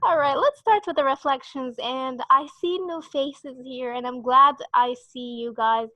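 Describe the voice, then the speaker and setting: Woman host, non-native English, giggly and chatty, bright and a bit high. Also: dry recording, poor audio. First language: not English. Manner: chatty and giggly, quick restarts. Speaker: meeting host. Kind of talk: casual online meeting chat.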